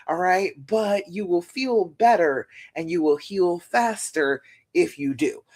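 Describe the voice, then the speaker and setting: Speaking through her phone on a live stream, a deep-voiced woman gives relaxed coaching to her audience. Her manner is friendly and comforting, and she keeps dropping in "okay?" to make sure viewers are with her.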